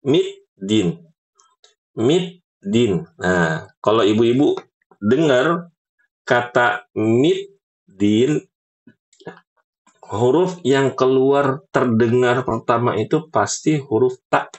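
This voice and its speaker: A man teaching Quran recitation in an online class, patiently correcting students and demonstrating words slowly and drawn out. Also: medium pitch.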